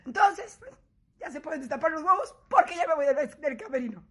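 A woman with a Mexican Spanish accent telling a story to her viewers in an animated, swearing way, acting out voices. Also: high voice, a little fast. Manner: acts out quoted voices. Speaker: vlogger.

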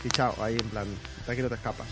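A man's voice: mid-range voice, level tone, racing. A man hosting a podcast interview, chatty and stumbling over restarts. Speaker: podcast host. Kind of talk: casual interview. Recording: clear music under the voice. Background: music.

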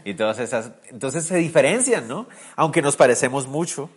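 Animated preacher man giving a sermon. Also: mid-range voice, moderate pace, slightly rough. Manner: animated, swings from loud to soft; asks the listeners rhetorical questions.

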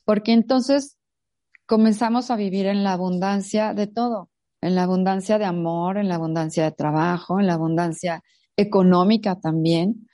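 A middle-aged woman, chatting casually as a co-host and telling an animated story, acting out the voices in it. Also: mid-range voice, normal speed, dry recording, clean studio sound. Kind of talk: casual chat.

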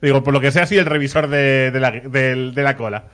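A young man from telling a lively anecdote in casual chat, mimicking people he met. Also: mid-range voice, fairly quick, faint music behind. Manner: animated storyteller, mimics voices of people in the queue.

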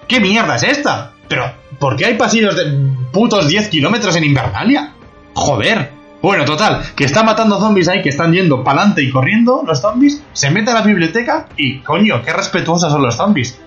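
A man's voice: on the high side, a bit bright. Furious profane man ranting. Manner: angry, profane, incredulous ranting. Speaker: podcast host. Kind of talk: ranting TV review. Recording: slightly dull lo-fi podcast audio, faint music.

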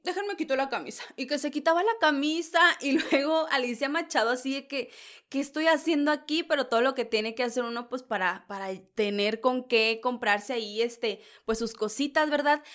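Loud, animated northern Mexican gossip host. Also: female voice, sits high, moderate pace. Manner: loud, animated, dramatic, mimics others mid-story. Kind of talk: casual celebrity gossip commentary.

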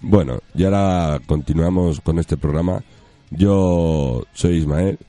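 A man hosts a sports talk show on the radio. His voice is very low and mellow, and he jumps in with quick questions and short remarks. Faint music plays under the talk. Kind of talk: casual radio chat and interview.

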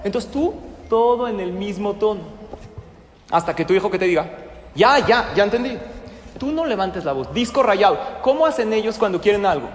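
High-voiced man teaching in a hall. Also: brisk. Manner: lively, acts out parents and children. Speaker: parenting class teacher. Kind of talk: lecture to a live class. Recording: echoey hall with faint noise.

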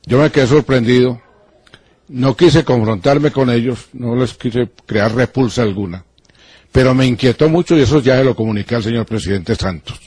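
Lawyer guy being interviewed, husky, dry sound, earnest and deliberate, points fingers. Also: mid-range voice, darkish tone, no echo. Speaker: lawyer giving an interview about threats. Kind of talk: interview answers.

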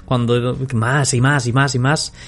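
A man's voice: mid-range voice, steady tone, a little slow. A young man from Spain with a Castilian Spanish accent hosts a solo podcast, chatting informally and rambling as he addresses listeners directly in slang. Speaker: podcast host and social media creator. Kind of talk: casual solo podcast chat.

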